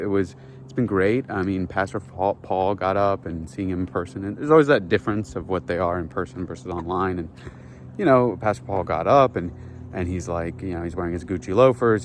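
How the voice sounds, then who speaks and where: Deep-voiced man rambling dryly. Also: slight background noise. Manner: rambling, many fillers, dry. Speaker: vlogger. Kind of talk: deadpan satirical vlog. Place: outdoors, walking a neighborhood.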